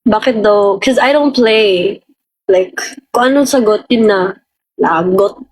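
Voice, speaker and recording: A young Filipino woman hosts a casual livestream, rambling through her answers to viewer comments. Her voice sits a little high and comes out breathy. She talks in an unhurried, drawn-out way. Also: low-quality recording. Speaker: livestream host.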